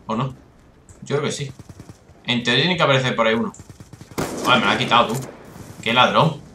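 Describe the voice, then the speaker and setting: Excitable Spanish gamer man, roomy mic. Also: mid-range voice, fairly quick, noisy background. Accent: Spanish from Spain. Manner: excitable, swears, bursts of frustration. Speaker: gaming YouTuber. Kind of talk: live gameplay commentary.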